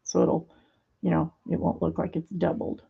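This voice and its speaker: Gravelly, husky woman chatting while crafting. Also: lowish voice, flat delivery, moderate pace, phone-quality sound. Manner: rambling, hesitant, with many fillers. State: hands a little weak, fumbling. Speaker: craft video host. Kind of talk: casual crafting chat. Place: home craft studio.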